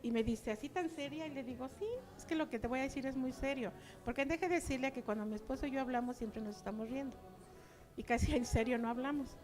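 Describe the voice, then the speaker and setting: A woman's voice: high-pitched, fast talker, a little mellow. An older woman giving a chatty personal testimony to her church, acting out remembered dialogue.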